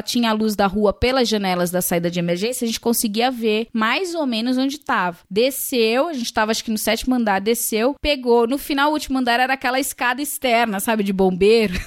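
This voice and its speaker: A woman telling a travel story in casual chat, animated and dramatic, acting out what people said. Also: a little high. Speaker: guest.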